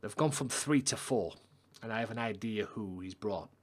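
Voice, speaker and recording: A young man doing excitable, swearing live-stream commentary over a game, talking straight to his chat viewers. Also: fairly low pitch, moderate pace.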